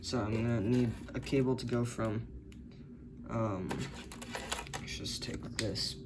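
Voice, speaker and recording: Hesitant hobbyist man, gravelly voice, slow delivery, captured on noisy camera-mic audio. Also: medium pitch, steady tone. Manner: hesitant, unsure, many self-corrections. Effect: camera-recorded audio. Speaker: hobbyist building circuits. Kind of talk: thinking-aloud tinkering narration. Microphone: camera's built-in mic.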